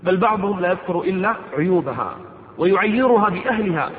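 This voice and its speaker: Male preacher, impassioned and pleading, brisk delivery; echoey hall, tinny phone-like recording. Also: high voice, expressive. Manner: impassioned, pleading appeals to the listener. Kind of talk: sermon.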